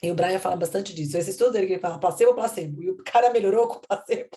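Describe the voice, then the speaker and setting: Quick-speaking Brazilian woman co-presenter. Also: mid-range voice, mellow. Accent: Brazilian Portuguese. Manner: supportive interjections, explains research. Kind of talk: conversational teaching.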